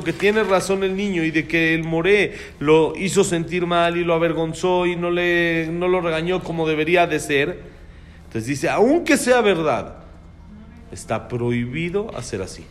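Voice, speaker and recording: A man's voice: a little high, slight background noise. Emphatic man teaching a religious class. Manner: emphatic, asks the class questions. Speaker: Torah teacher. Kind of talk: religious class on child education.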